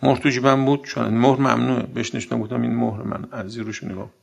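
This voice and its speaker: A man giving a sermon, arguing with many rhetorical questions and reciting Quranic verses, swinging between loud outbursts and quiet asides. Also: medium pitch, level tone, vocal fry. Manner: argumentative, full of rhetorical questions. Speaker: religious speaker.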